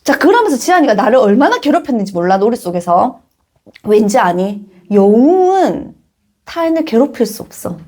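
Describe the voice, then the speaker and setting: Middle-aged woman, an educator and host, speaking in casual advice-chat mode. Higher voice with a very animated melody. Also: moderate pace. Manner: lively and expressive, informal speech, laughs often. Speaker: early childhood educator and channel host. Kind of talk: casual advice talk to a companion.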